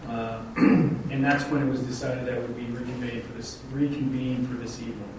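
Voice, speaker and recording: A man chairing a township public hearing, speaking in a halting, procedural way with many fillers. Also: mid-range voice, steady tone. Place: township meeting room. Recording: echoey room, far mic, noise.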